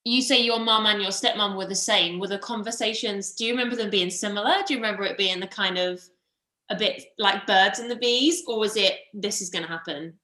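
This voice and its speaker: A woman's voice: medium pitch, steady tone, fairly quick, bright, forceful tone. A woman hosting a podcast and interviewing a guest in a conversational way, recorded with a roomy echo. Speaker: podcast host.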